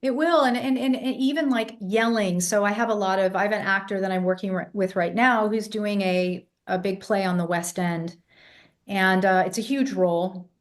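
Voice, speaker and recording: A congested woman, a vocal coach raised in England, tells animated stories in a casual interview and demonstrates vocal sounds. Her voice is mid-range, at normal speed, though less clear than usual because of the congestion.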